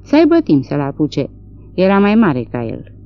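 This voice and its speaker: A woman reading the part of a rural man with a rough, hurried voice, from a dull lo-fi recording. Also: sits low, big pitch swings. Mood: dismissive.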